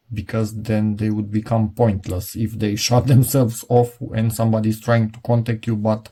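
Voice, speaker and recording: A middle-aged man with a fairly low, mellow voice gives a casual, unscripted product demonstration, hesitating and rambling as he works things out aloud as a product reviewer.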